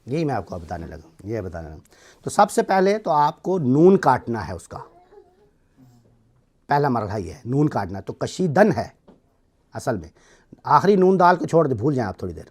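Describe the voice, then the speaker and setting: A man's voice: mid-range voice, big pitch swings, pauses often, darkish tone, husky. A middle-aged man with a Pakistani accent teaching a class, explaining step by step and checking that his students follow. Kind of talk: classroom lecture.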